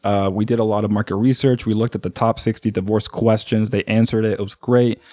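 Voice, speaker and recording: Chatty, low-voiced man in a dry studio. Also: steady tone, brisk, dark tone, no room sound. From Oregon, USA. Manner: rambling, filler-heavy talk with constant "like" and "right?". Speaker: guest, marketing agency owner. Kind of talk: casual podcast chat.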